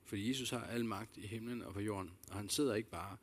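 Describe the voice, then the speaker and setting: A man's voice: lowish voice, fairly even intonation, breathy edge. A man preaching a sermon, earnest and reflective, repeating key phrases and addressing listeners directly with questions. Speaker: pastor.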